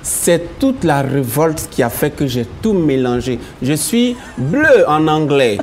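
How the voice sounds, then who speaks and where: A singer whose first language is Yakuba, chatting in an interview and telling stories with a laugh. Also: male voice, fairly high pitch, takes it slowly, slight background noise. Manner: animated storytelling, laughing often. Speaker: gospel singer. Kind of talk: casual interview chat.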